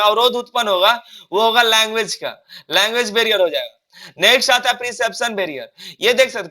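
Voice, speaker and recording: A young man from India with a Hindi accent, teaching an online exam-prep lesson, who asks questions and answers them himself, with frequent restarts and English questions read slowly word by word. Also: sits high, bright, forceful tone. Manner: repeats and restarts words often.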